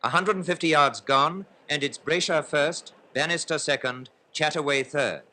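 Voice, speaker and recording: A man narrates in the manner of an old newsreel, his voice set a little high and sharply bright. He calls the action formally and briskly, pressing harder as the race unfolds. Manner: brisk, formal, building excitement in play-by-play. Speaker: newsreel commentator.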